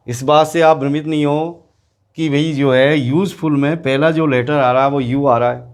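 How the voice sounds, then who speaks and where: A man teaching an English grammar lesson to students, explaining slowly and repeating example words. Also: medium pitch, darkish tone. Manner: slow, repetitive explaining, addressing students directly.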